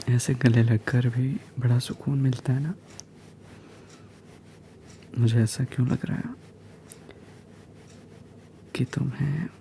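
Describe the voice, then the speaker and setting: A man speaks in a whispered role-play as a kind neighbour comforting someone who is upset. His voice is mellow and unhurried, soft and soothing, slipping English phrases into Hindi. Faint room ambience sits behind him. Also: medium pitch, gravelly, a little hiss or hum. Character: caring male neighbour comforting a crying woman. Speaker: ASMR role-play creator.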